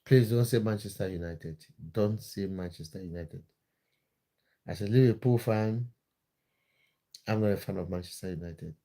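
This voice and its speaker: This Cameroonian live-stream host, who makes football content, reads viewer comments casually and warmly, with plenty of fillers and false starts. His mellow, lowish voice moves at a normal speed, broken by long pauses.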